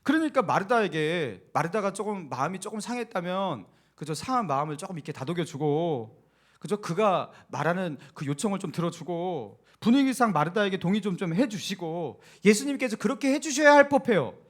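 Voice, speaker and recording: A man, a senior pastor, preaching a sermon, telling the story with animated asides and asking the congregation questions. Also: high voice, a little fast. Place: church sanctuary.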